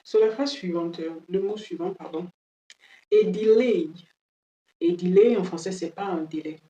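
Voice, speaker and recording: A woman gives a bilingual language lesson in a low, mellow voice, patiently explaining and checking understanding with a frequent "ok?". Her voice sits a little back from the microphone in a roomy, echoing space. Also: unhurried, distant mic, muffled recording. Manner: explains patiently, often checks "ok?", switches between English and French. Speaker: English teacher.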